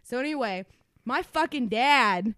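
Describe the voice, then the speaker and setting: A woman co-hosting a casual chat, telling a lively story with frequent swearing and laughter. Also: a little high, a little slow, no room sound, studio quality. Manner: animated storyteller, swears freely, laughs often. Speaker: podcast co-host.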